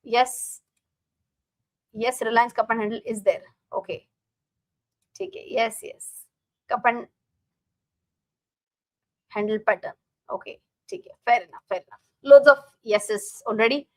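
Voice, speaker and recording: Higher-pitched Indian-accented woman hosting a live stream. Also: fairly even intonation, unhurried, pauses often, no echo, rough recording. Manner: repeats phrases, addresses viewers directly. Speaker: live stream host and finance teacher. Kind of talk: casual live stream talk to viewers.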